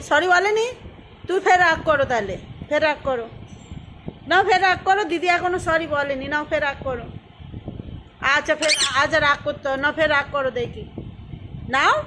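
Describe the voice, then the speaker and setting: High-pitched woman coaxing her pet bird. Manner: playful, coaxing, repeating short phrases. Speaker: pet parrot owner. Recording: home recording with clear background noise.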